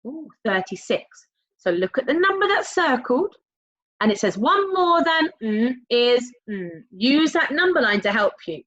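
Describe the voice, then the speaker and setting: A woman teaching a recorded primary school maths lesson, talking directly to young pupils in an encouraging, sing-song way with drawn-out key words and prompting questions. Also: a little high, very animated, fairly bright tone. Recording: dull, lo-fi sound.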